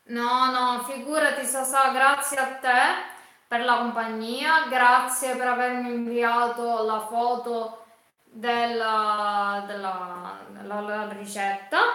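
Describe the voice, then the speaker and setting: Donna siciliana dalla voce squillante, stanza rimbombante. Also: female voice, fairly high pitch, bright, forceful tone. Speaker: cooking livestream host. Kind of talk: casual live chat with viewers. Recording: very echoey room.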